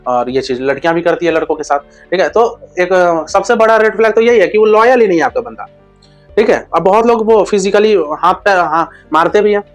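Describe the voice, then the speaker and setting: Man, relationship advice vlogger, high voice, blunt, crude jokes, slangy casual talk. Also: expressive, a little fast, faint music behind.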